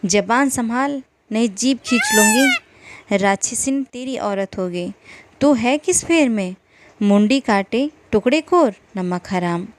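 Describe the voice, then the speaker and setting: A defiant, sharp-tongued village wife hurls scolding words at her in-laws, as a woman narrator voices her. The delivery stays slow and deliberate. A faint hiss sits under the voice. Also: fairly high pitch, expressive. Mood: furious.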